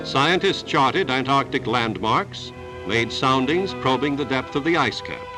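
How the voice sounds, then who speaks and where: A man's voice: medium pitch, animated, poor audio. Old newsreel guy narrating, voice rises and falls a lot, music playing under him. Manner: measured, declarative announcer delivery. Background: music score.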